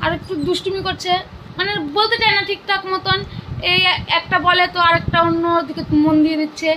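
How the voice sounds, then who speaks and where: A young woman, a mother and vlogger casually quizzing her child with coaxing, animated questions. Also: very high-pitched, fairly quick, background noise.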